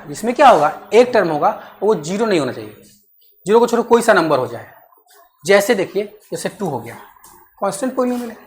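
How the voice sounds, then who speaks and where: A woman's voice: medium pitch, a bit bright. Woman teaching a class. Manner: keeps checking understanding, repeats phrases slowly while dictating. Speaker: maths teacher. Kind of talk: classroom lecture with dictation.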